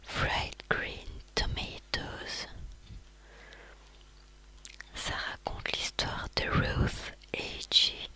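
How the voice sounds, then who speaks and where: Slow, breathy library-style ASMR whisper. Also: bright, forceful tone, poor audio. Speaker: ASMR video host recounting favourite books and films.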